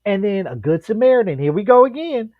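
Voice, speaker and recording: A man's voice: brisk, no room sound. Podcast co-host man, acts out the quotes, dry slightly dull sound. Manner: animated storyteller, acts out quotes with big pitch jumps. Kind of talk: casual chat.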